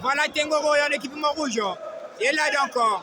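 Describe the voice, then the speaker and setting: A man giving excited, emphatic live boxing commentary like a ring announcer, often calling out names. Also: very high-pitched, moderate pace. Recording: noisy live event with loud crowd. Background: crowd noise.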